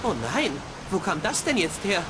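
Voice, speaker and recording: A woman voicing a polite, naive young boy adventurer in a video game, innocent and expressive. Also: mid-range voice, moderate pace, a crowd in the background, close to an everyday voice. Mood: relieved, musing.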